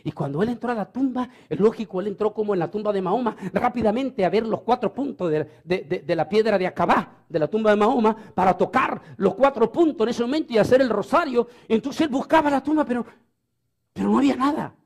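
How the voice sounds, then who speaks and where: A man's voice: high-pitched, expressive, quick pace, a little mellow. A man preaching a storytelling sermon, fervent and repeating phrases for emphasis.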